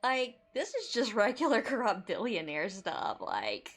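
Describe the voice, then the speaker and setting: A woman streaming a game, chatting casually with wry, quick asides and reading lines aloud. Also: fairly high pitch, huge pitch swings, a bit bright.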